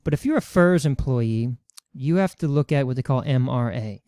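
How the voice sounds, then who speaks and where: A financial educator presents a webinar on retirement benefits rules, guiding listeners step by step with worked examples. His mid-range, dark-toned voice is expressive and moves at normal speed. There's no echo on the recording.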